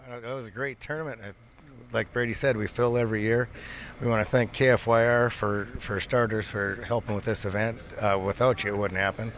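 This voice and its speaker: A man's voice: fairly low pitch, fairly even intonation, fairly quick, fairly bright tone, slight background noise. A man representing the bowling center, chatting casually on air with dry, self-deprecating humor.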